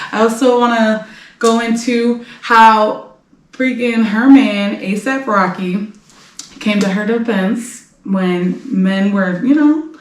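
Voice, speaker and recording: A woman's voice: fairly high pitch, roomy sound, recorded from a distance. A woman in her late twenties hosting a celebrity gossip podcast, talking casually in a brash, blunt way and swearing freely. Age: late 20s. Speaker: podcast host.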